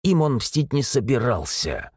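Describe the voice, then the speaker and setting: A man narrating a dark novel as an audiobook, in an expressive storytelling manner. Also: medium pitch, unhurried, slightly rough, dry recording, studio quality. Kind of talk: scripted narration.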